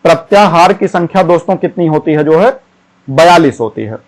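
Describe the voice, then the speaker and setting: A man teaching an exam-prep grammar lesson, chanting syllables slowly one by one and often repeating a filler phrase. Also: on the high side, animated, rough recording.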